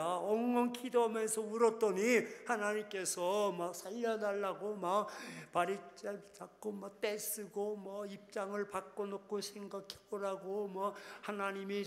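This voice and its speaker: A man with a high-pitched voice preaches in a loose, conversational way, teasing his listeners. He swings into fervent, dramatic prayer voices as examples. His words ring out with a long reverb in a large prayer hall. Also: fairly bright tone. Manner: conversational preaching, teasing the congregation, rising to impassioned acted prayers. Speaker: pastor. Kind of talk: sermon.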